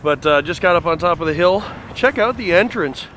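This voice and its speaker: A fairly high-voiced man talks excitedly while walking around an outdoor construction site, rambling and filling pauses with "uh". His voice is caught by a handheld camera, with faint traffic noise outside. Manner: enthusiastic, rambling with fillers. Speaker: fan site video host. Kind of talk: casual walking site tour.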